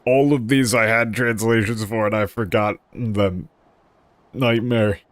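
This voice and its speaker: A man's voice: fairly low pitch, fairly even intonation, measured pace, no room sound. A man streaming a video game, chatting casually and loosely paraphrasing the characters' lines as he plays. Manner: chatty, thinking aloud, loosely paraphrasing dialogue. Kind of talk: casual let's-play commentary.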